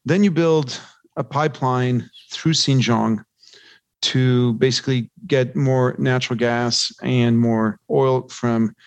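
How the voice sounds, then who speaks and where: A man with a medium-pitched voice appears as a podcast guest, an investment research analyst offering conversational financial commentary. He talks discursively and poses rhetorical questions. The recording is dry.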